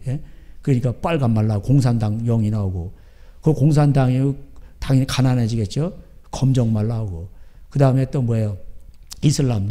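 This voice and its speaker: A man's voice: mid-range voice, mellow. A man preaching a sermon as pastor, in a rambling, chatty way, often asking his listeners "right?". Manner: keeps asking the crowd back "예?".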